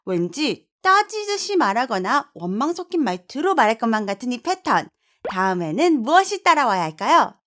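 Female tutor, fairly high, animated, cheerful, unhurried lesson delivery. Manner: playful and energetic, quizzes the viewer. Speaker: English teacher. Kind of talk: online English lesson.

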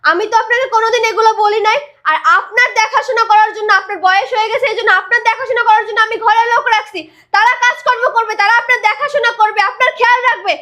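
A young woman playing the wife of an expat worker, who scolds forcefully and insists on being obeyed. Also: extremely high pitch. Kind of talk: amateur drama acting.

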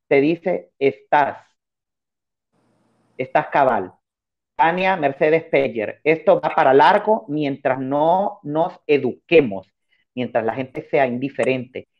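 Host reading comments over lo-fi audio. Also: male voice, medium pitch. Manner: reads comments in a steady run. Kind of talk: reading viewer comments aloud. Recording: dull lo-fi sound.

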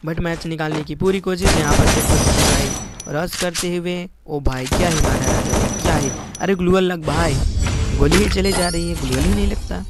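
A man commentating his shooter game to viewers, excitable and repeating his words. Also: on the high side, moderate pace, over loud music. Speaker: gaming YouTuber. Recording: loud background noise.

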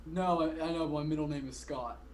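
Higher-voiced young man, rambling casual chat. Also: fairly even intonation, a little fast, darkish tone, slight background noise. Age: around 20. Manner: rambling, filler-heavy, self-interrupting. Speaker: podcast guest. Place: bedroom, indoors. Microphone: video call.

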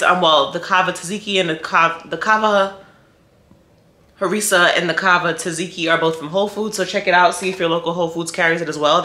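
A woman's voice: on the low side, sharp tone, reverberant. A young woman chatting casually on her food vlog, tasting a dish and talking to viewers while she eats. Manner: chatty, tastes and reacts while eating. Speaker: vlogger.

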